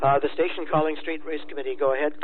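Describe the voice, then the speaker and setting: A man speaking through a crackly two-way radio, his voice squeezed thin like a phone line with a faint hiss underneath. He runs radio procedure as a race committee operator, halting and filling gaps with "uh". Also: a little high, little pitch movement. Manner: halting, with frequent "uh" fillers. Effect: crackly two-way radio transmission. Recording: crackly narrow-band radio with static.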